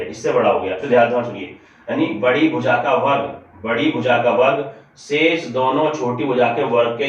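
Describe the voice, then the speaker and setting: A male math teacher explains problems step by step to his class and keeps repeating the key points. His mid-pitched voice comes from far off in a very echoey room. The recording is dull and lo-fi. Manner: repetitive, addresses students often, walks through steps aloud. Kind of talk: classroom-style lesson solving board problems.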